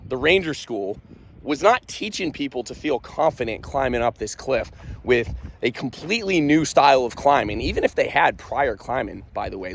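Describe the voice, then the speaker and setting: Gravelly-voiced man telling his story. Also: mid-range voice. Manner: earnest, candid, critical. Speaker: vlogger and Army veteran. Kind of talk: casual first-person storytelling.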